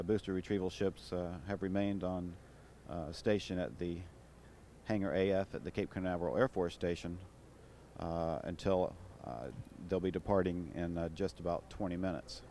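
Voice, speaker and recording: An American man giving live launch commentary in a measured, official manner. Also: low voice, a little mellow. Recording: noisy broadcast with background ambience.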